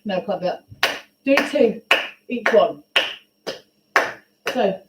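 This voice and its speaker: A woman teaching a music class, questioning and encouraging her students in a brisk way. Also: medium pitch, lively intonation, very noisy. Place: school classroom. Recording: echoey classroom, faint ambience.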